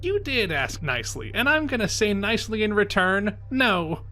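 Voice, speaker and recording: A game master plays, as a man, a short, thin male gangster henchman for a tabletop game. He is smug and taunting, with slangy wise-guy talk in a raised, bright voice over faint music. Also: high voice, sing-song, moderate pace, voice pushed up, full character voice. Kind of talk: in-character tabletop role-play.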